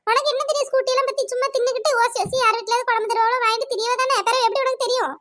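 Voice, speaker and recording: A woman voicing an angry young village woman, accusing and shrill. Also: steady tone, very fast, fairly bright tone, slight background noise. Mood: scornful. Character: indignant young village woman, angry over her new scooter.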